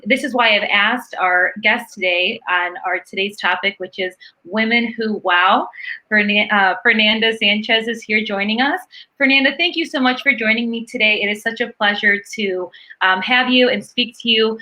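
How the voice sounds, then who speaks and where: A woman hosting an interview, welcoming her guest with a hesitant delivery full of filler words. Her voice is notably bright and crisp, at a middle pitch. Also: normal speed, poor audio. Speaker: interview host. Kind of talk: hosted interview.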